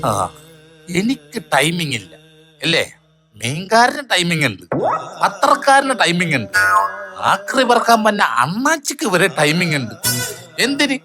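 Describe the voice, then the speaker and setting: A man's voice: high voice, sing-song, unhurried, long pauses, bright, forceful tone, soft background music, heavily acted. A man playing a hot-tempered, jealous husband in a comedy skit, ranting sarcastically. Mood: angry. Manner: scolding, sarcastic rants.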